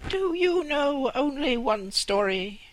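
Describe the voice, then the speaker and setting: A man voicing scornful rats in a storybook reading, high and sneering. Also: sing-song, takes it slowly, fairly bright tone, dry recording, exaggerated voice, low-quality recording.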